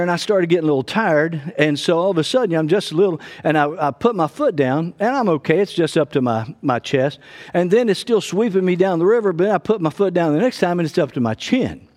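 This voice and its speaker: A man's voice: on the high side, darkish tone. A middle-aged male pastor preaching a sermon with fervor, often breaking in with "praise God" between his points. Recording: long hall reverb.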